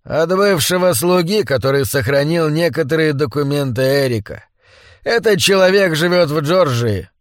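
A man voicing a haughty, bad-tempered old man in a wheelchair, domineering and prone to shouting, in an audiobook. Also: on the high side, animated, normal speed, no room sound, clean studio sound, lightly acted. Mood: cold, tense. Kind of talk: audiobook character voice.

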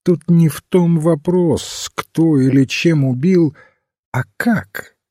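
Man reading calm thoughtful priest detective, measured, husky, slow, storybook. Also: fairly high pitch, dry recording, studio quality, pitched above the performer's own voice. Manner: measured, reflective.

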